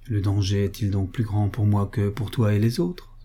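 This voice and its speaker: Audiobook: man voicing an earnest young soldier, dark and husky. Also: fairly low pitch, fairly even intonation, moderate pace.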